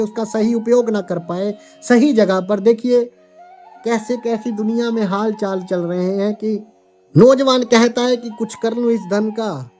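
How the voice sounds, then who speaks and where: Calm guy giving a spiritual sermon, warm mellow voice, faint music under it. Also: sits high. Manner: calm, measured, addresses listeners as seekers. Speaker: spiritual teacher. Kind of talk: devotional spiritual discourse.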